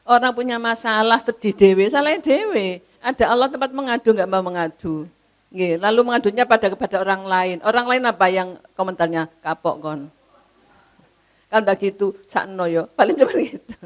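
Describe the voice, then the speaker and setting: Older woman preaching with a Javanese accent. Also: mid-range voice. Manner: animated, mixes in local dialect, laughs, recites verses slowly. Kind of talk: religious lecture answering questions.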